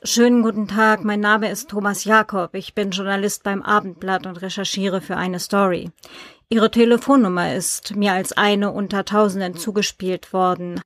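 A woman's voice: medium pitch, fairly even intonation, moderate pace, fairly bright tone, dry recording, close to an everyday voice. A woman voicing a polite, persistent male journalist in an audiobook, in a businesslike questioning manner and close to her own voice.

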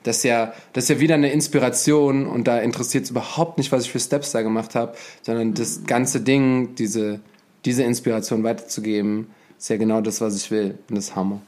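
A man's voice: medium pitch, fairly even intonation, brisk, darkish tone. A man hosting a casual conversation, enthusiastic and slangy, talking in long rambling runs. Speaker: host.

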